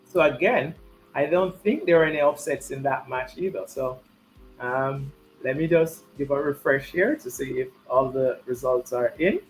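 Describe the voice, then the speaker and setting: A man's voice: mid-range voice, normal speed, faint music behind, rough recording. A man giving live chess commentary and chatting, repeating his key points for emphasis.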